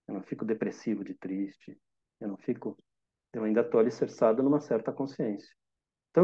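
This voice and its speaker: A man with a Brazilian Portuguese accent giving a calm, reflective meditation talk, teaching through simple examples and questions to listeners. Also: mid-range voice, breathy edge, dull audio.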